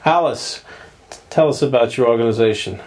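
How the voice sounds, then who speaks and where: A man's voice: mid-range voice, fairly quick, darkish tone, slight background noise. A man hosting a TV interview show, joking and often cutting into his guests' answers. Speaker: talk show host. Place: TV studio.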